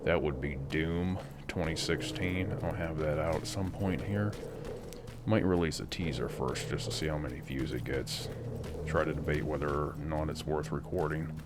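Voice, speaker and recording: A man's voice: extremely low pitch, normal speed, heavy background noise. A man giving casual, crude, joking gameplay commentary that rambles as he plays. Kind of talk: casual let's-play commentary. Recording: game music loud behind the voice.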